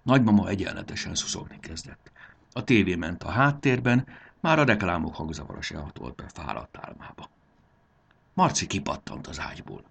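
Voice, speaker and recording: Casting: male storybook narrator, lowish, gravelly, very lively delivery. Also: a little hiss or hum.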